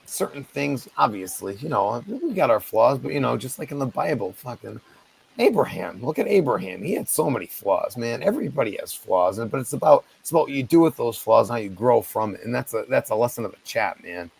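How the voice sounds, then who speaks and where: A man in his twenties from the US East Coast, intoxicated, chatting casually and candidly in a low, gravelly, older-sounding voice, dry and calm, with plenty of swearing. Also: a little fast, low-quality recording. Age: 20s. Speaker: guest caller on a livestream chat.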